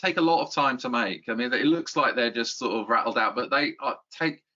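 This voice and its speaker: A man's voice: medium pitch, a little fast, bright, forceful tone, lo-fi sound. A middle-aged man, chatting as an interview guest in a rambling, self-deprecating way with frequent restarts. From England. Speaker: YouTube guide host, interview guest. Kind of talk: casual interview chat.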